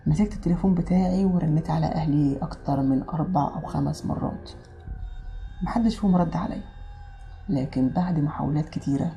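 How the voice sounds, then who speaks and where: A woman's voice: sits low, gravelly, warm tone. A woman with an Egyptian accent telling a first-person horror story in a conversational way, with many fillers.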